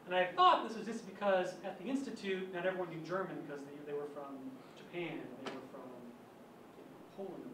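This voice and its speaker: A man with a fairly high voice gives a relaxed academic talk, full of chatty asides and self-amused anecdotes. He is picked up from some distance in a reverberant lecture hall with a faint background hum. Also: brisk. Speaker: physics colloquium speaker.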